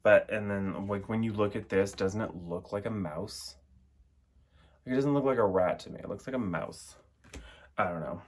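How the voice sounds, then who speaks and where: A man's voice: lowish voice, normal speed. A young man chatting casually and rambling, with a lot of filler words. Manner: rambling, filler-heavy, with frequent "like" and "um". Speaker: vlogger reviewing an oracle deck. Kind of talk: casual chat.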